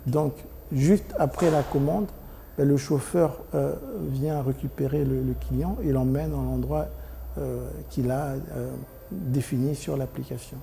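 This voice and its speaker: A man's voice: medium pitch, steady tone, a little slow, gravelly, mellow, a little hiss or hum. A man in his forties from Congo, a company director answering interview questions hesitantly, with many ums and restarts. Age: 40s.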